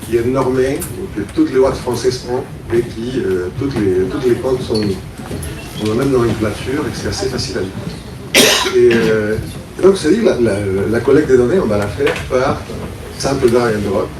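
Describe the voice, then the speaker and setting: A man from Mexico gives a founder's pitch to a room, explaining in a loose, thinking-aloud way. His voice sits at an ordinary middle pitch. It is caught from a distance, with echo and steady background noise. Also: moderate pace. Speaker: startup founder. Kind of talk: conference pitch talk. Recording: roomy, distant mic, audible room noise.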